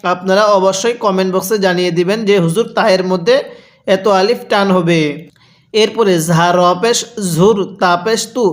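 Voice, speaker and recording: A man with a Bangladeshi Bengali accent teaching Quran reading, patiently spelling out syllables and repeating them slowly for learners to say back. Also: high voice, fairly even intonation. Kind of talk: slow spelled-out recitation lesson.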